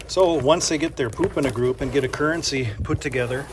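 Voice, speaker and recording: A man's voice: mid-range voice, brisk, very noisy. Chatty man unboxing silver bars. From North Dakota. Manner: chatty, self-deprecating, thinking aloud. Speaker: coin shop owner. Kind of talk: casual unboxing vlog.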